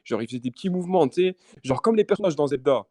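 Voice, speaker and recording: Young man, animated storytelling, lively pitch, dry sound. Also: racing, no room sound. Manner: animated, repetitive restarts, laughing asides. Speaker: podcast host telling a story. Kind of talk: casual chat storytelling.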